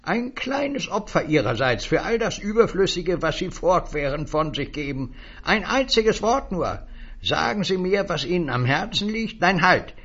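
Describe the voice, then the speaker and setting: A man voicing an eerie, mocking little male word-seller in a high, sly, husky voice for a read story. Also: big pitch swings, unhurried, a bit bright, dull audio, heavily acted.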